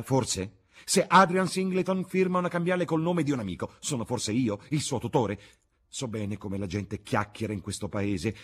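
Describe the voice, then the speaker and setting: A haughty young man full of scorn, sneering as he talks, voiced by a male audiobook reader. The voice sits low and husky, with a breathy edge. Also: a bit bright. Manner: sneering, mocking speech. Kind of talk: audiobook reading.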